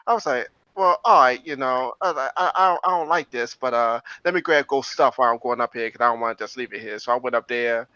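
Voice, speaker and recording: A man telling a story in an animated way, with many stammering restarts. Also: medium pitch, fast talker, few pauses, clear, resonant tone, no echo. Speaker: paranormal investigator. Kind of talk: casual storytelling. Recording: dull dry close sound.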